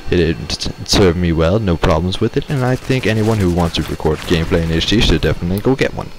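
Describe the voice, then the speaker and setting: A man's voice: sits low, fast. A man giving casual gameplay commentary, rambling and slipping in and out of a put-on odd accent. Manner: rambling, with many fillers and restarts. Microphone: sensitive desk mic. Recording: game gunfire and artillery noise behind.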